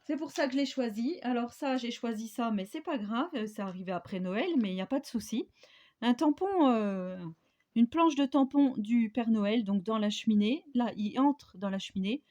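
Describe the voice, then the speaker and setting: Female crafting vlogger, somewhat high and mellow, chatty haul talk with fillers. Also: animated, moderate pace. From France. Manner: chatty, hesitant with many fillers. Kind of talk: casual product haul.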